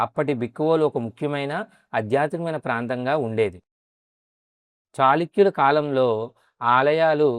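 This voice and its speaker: Male travel vlogger, smooth tone, dry close sound, polite guide manner. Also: mid-range voice, dry recording. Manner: polite, adds a respectful "andi" often while showing the site. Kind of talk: narration and casual guided tour.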